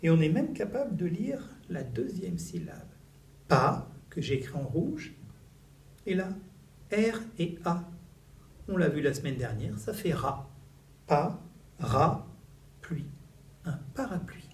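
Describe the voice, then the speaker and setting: A man teaching a recorded reading lesson to young children in a classroom, slow and animated, stretching his syllables. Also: on the high side, distant mic. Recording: echoey room, voice a little off-mic, faint background noise.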